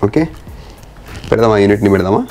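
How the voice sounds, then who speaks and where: Speaking fairly quickly in a fairly low, slightly mellow voice, a man vlogs about motorcycles. He gives a relaxed, hands-on installation walkthrough, sprinkling in English words and phrases.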